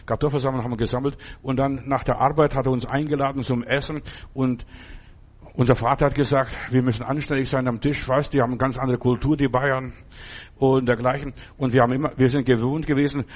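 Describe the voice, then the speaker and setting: A man's voice: medium pitch, level tone, fast talker. A man giving an informal sermon in a conversational way, often repeating himself and restarting his phrases. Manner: conversational, repetitive, many restarts and asides. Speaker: preacher.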